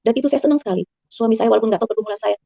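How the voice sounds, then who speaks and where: A woman tells her personal testimony in a rush of earnest words, her voice mellow and warm. Her pitch climbs high and excited at times. The recording is dry and a little dull. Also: creaky, dry recording. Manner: fast, earnest storytelling that rises high and excited. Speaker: guest giving a personal testimony. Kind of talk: emotional spoken testimony.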